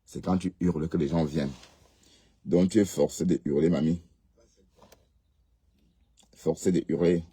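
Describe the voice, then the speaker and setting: Man hosting a livestream, deep husky voice, lectures viewers, "hein?" tags. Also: steady tone, a little slow, pauses often, warm tone, no room sound. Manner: scolding, rhetorical questions with tag "hein". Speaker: live stream host. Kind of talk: casual live commentary reading comments.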